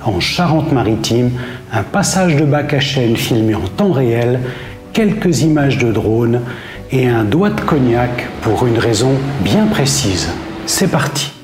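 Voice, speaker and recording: A man in his fifties presenting a campsite in a steady, clearly scripted travel-vlog narration, seated at a table facing the camera. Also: mid-range voice, unhurried. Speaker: travel vlogger. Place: indoor room with brick wall. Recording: roomy echo with soft music behind.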